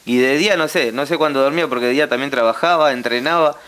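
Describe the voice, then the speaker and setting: A young Argentine man with a Rioplatense accent giving a heartfelt personal testimony as a guest, halting and full of repeated tag questions. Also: mid-range voice, fairly bright tone, clear, resonant tone.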